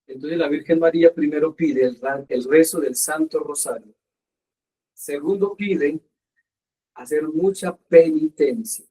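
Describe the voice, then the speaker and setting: A man giving a sermon as a priest, earnest and emphatic, slowing down to stress his points. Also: fairly high pitch, mellow, recorded from a distance, rough recording. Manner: earnest, slow emphatic preaching with pauses.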